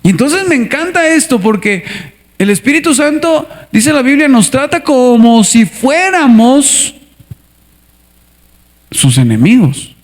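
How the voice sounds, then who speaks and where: Give me a high-pitched, expressive man preaching a lively sermon and calling out to his congregation. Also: creaky. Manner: animated, asks the congregation for responses; acts out scenes with character voices. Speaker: pastor. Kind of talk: lively sermon with acted skits.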